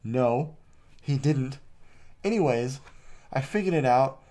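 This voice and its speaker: A man's voice: mid-range voice, animated, takes it slowly, warm tone. A man recorded too close to the mic, hosting a casual vlog voice-over in a rambling, jokey way. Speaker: vlog host.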